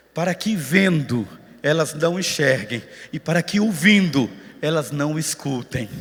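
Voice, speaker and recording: A high-pitched Brazilian man preaches with fervor, his bright, forceful voice aimed directly at the congregation. The sermon rings out through a long-reverb church auditorium. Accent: Brazilian Portuguese. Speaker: pastor. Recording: echoey auditorium.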